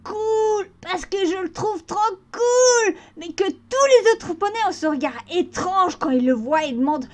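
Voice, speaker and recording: A woman voicing an eager, excitable young colt pony in a storybook reading, talking in a squeaky, breathless rush. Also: normal speed, few pauses, natural voice. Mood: excited.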